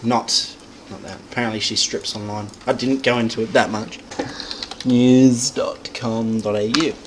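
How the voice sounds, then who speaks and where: A man's voice: mid-range voice, fairly even intonation, a little slow, slight background noise, low-quality recording. Rambling, crude guy vlogging. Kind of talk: casual vlog monologue. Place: home room.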